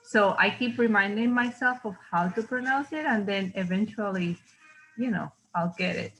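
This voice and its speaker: A woman's voice: medium pitch, normal speed, a bit bright, a little hiss or hum, poor audio. A woman from Puerto Rico with a Puerto Rican Spanish accent, a native Spanish speaker, sharing thoughtful conversational remarks in a panel discussion.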